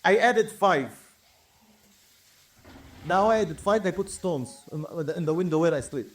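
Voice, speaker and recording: Earnest Palestinian Arabic-accented man, higher voice. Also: animated, a little slow. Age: 40s. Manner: emphatic, lists points one by one, often repeats words. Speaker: activist interviewee. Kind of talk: earnest interview testimony.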